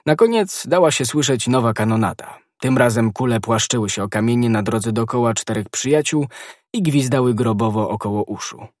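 A man narrating a classic adventure novel in a steady, expressive reading. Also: mid-range voice, a little fast, no room sound, clean studio sound. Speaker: audiobook narrator. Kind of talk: scripted literary narration.

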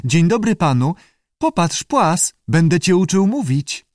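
Brief: male narrator doing a high, croaking salamander, childlike and eager, repeating everything it hears, audiobook. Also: big pitch swings, unhurried, no echo, clean studio sound. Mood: polite. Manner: parrots human phrases eagerly. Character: croaking talking salamander, curious, childlike mimic.

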